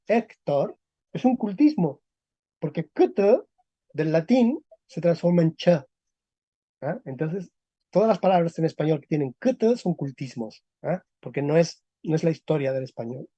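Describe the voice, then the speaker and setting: A male teacher giving a lecture on the history of Spanish, explaining step by step and checking with quick tag questions. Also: sits high, dark tone, breathy edge, dry recording. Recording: dull lo-fi recording.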